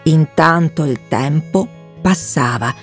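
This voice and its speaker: A woman reading a novel aloud in a calm, measured way. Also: deep voice, faint music behind. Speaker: reader. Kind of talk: audiobook reading.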